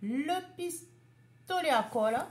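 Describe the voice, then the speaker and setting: A woman's voice: sits high, lively intonation, a little mellow. A woman chatting casually as she shows a craft haul, item by item. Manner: slow, chatty, showing items one by one. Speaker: craft vlogger.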